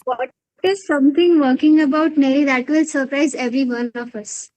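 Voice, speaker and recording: A woman's voice: high-pitched, fairly even intonation, normal speed, darkish tone, dry recording, low-quality recording. A woman in the audience asks a question, and her audio keeps cutting out over the remote connection. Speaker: audience member asking a question.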